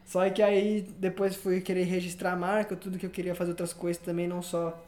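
A man's voice: high-pitched, fairly quick. A young man with a Brazilian accent hosting a podcast, telling stories in a casual, slangy way and acting out what people said. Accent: Brazilian Portuguese. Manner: animated storyteller, slangy, acts out quotes. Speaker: podcast host. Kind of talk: casual chat. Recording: echoey room.

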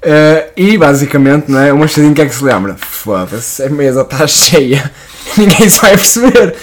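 A man's voice: on the high side, animated, normal speed, noisy background. A young man with a European Portuguese accent, chatting casually and telling a story with slang and laughs. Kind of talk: casual podcast chat.

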